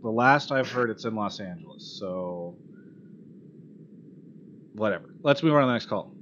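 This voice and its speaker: A man with a lowish, fairly bright voice and lively intonation hosts an esports call-in show at a moderate pace. He chats casually and bluntly in live talk-show style, sometimes swearing and sounding exasperated. The audio is dull and lo-fi, with clear background noise.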